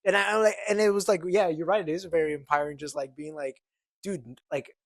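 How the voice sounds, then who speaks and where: A man's voice: a little high, steady tone, fairly quick, no room sound, studio quality. A young man co-hosting a podcast, rambling casually with many restarts. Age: young adult. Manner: rambling, full of fillers and restarts. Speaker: podcast co-host. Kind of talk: casual chat.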